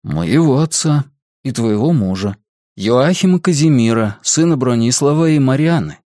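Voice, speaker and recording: A calm, patient young man in his twenties, voice lively but unhurried as he explains himself, in a male reader's own voice. Close, dry audiobook sound, no room around it. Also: medium pitch, no room sound, close to an everyday voice. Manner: calm, even-tempered, patient. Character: calm young adult son, student. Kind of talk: audiobook character voice.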